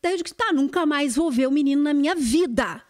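A woman's voice: high-pitched, quick pace. A woman, a TV journalist telling a story in a casual podcast chat and acting out the dialogue. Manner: animated storyteller who acts out quoted dialogue.

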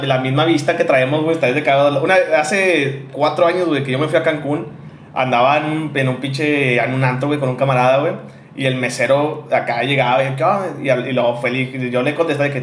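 A man's voice: mid-range voice, fairly even intonation, a little fast, roomy sound, slight background noise. A man from Monterrey with a northern Mexican accent, co-hosting a podcast in casual, slangy, swear-filled chat. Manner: slangy, swears a lot, says "güey" constantly. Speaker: podcast co-host.

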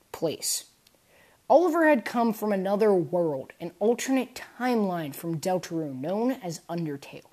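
Woman reading a fan story aloud. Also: mid-range voice. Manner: expressive storytelling, voicing characters. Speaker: narrator.

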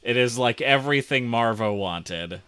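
A man co-hosting a casual chat, talking slowly and haltingly with lots of fillers as he reviews a TV episode. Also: mid-range voice, expressive, pushed and bright, smooth, dry recording. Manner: slow, hesitant, many fillers. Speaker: podcast co-host.

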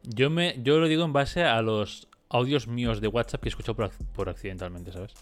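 A man's voice: medium pitch, fairly quick. A young man, co-hosting a podcast in casual chat, joking and mocking himself with free swearing. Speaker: podcast co-host.

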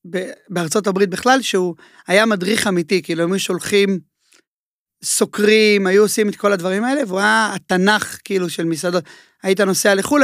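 This Israeli man has a high-pitched voice and appears as a chef guest in a relaxed interview. He recounts stories animatedly, leaning heavily on fillers, and the studio-quality audio has no echo.

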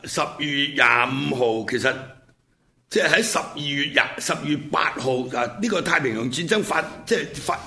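Creaky-voiced man with a Hong Kong Cantonese accent. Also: medium pitch, bright, forceful tone, slight background noise. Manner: punctuates points with frequent rhetorical check-in questions. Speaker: commentary show host. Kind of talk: unscripted political and historical commentary monologue.

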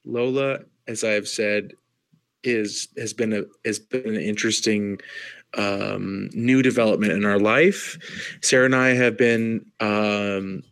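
A man who works as a nurse, co-hosting a podcast in casual chat, telling stories in an animated way and acting out exasperated exclamations. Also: on the low side, measured pace, no echo. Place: home, dog nearby.

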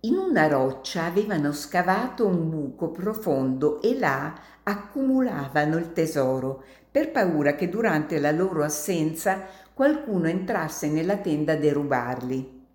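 A woman reading an adventure story aloud in a slow, measured way. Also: low-pitched, animated, darkish tone, echoey room.

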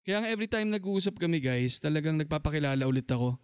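A man's voice: fairly high pitch, expressive, fast talker, clear, resonant tone. Teasing man hosting a show. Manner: teasing, joking, plays skits. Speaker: podcast host. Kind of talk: playful casual chat.

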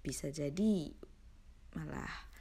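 A woman's voice: sits low, slow pace, creaky, warm tone, slightly rough. A woman who hosts a horror story show, reading aloud as a narrator. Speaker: host and reader of an online horror story show.

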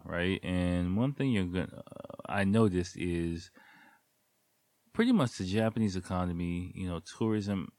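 A deep, darkish-toned man hosts a casual solo podcast from home late at night, congested from a cold. He chats in a loose, rambling way with many ums and jokey sound effects, and the recording is dry.

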